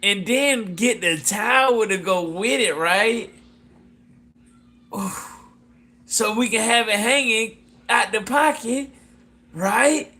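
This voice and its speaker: A man's voice: high voice, takes it slowly, long pauses, sharp tone. A man talking loosely with his viewers about his clothing brand, repeating himself, breaking into whoops and laughs, and calling someone "sis". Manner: loose, repetitive, keeps addressing "sis". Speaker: fashion designer pitching his brand. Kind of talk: casual live chat with viewers.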